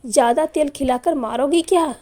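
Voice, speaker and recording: A woman voicing a sharp-tongued, grumbling older mother-in-law in a read-aloud moral story. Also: high-pitched, moderate pace, lightly acted. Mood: scolding. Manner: scolding, complaining.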